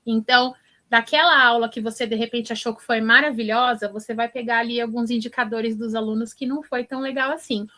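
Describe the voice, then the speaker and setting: Woman, teacher, animated storyteller, encouraging, slightly high voice. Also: fairly quick. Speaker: teacher and education influencer guest. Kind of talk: interview answers.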